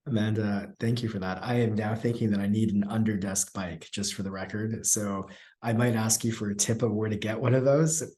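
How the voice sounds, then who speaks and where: Man facilitating a video call, halting. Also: lowish voice. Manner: relaxed, halting with many fillers. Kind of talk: online webinar talk.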